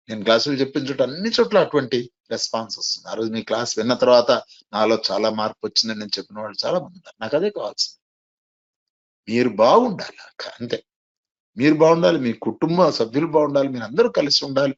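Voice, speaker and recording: A man delivers a lecture in a plain mid-range voice, teaching step by step and spelling words out letter by letter. He poses questions and answers them himself. The recording sounds dull and lo-fi. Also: mid-range voice. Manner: asks and answers rhetorical questions. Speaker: lecturer on communication skills. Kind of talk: classroom lecture.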